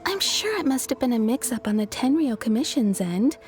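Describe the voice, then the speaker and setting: A wry, bright-voiced townswoman. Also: a little high, very animated, a little fast. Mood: amused. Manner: wry, amused storytelling. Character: adult townswoman, wry and level-headed. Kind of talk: video game voice acting.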